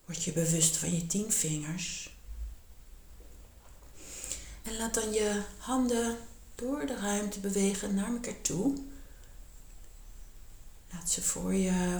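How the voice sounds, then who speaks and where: Calm woman yoga teacher, soft half-whispered guidance, lowish voice, echoey room. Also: vocal fry. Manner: slow, calm and soothing, often half-whispered. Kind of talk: guided meditation and yoga instruction.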